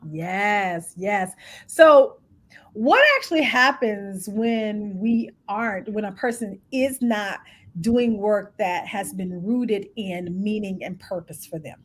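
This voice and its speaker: Animated woman co-hosting a discussion. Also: medium pitch, takes it slowly. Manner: animated, laughs often, agrees with many "mm-hmm"s. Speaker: co-host of a discussion. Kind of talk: casual discussion.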